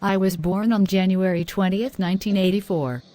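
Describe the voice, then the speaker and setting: A man's voice: high voice, fairly even intonation, normal speed, mellow, pitched above the performer's own voice, lightly acted. A man voicing a defiant grown woman prisoner in a homemade animation who gives curt, sulky replies.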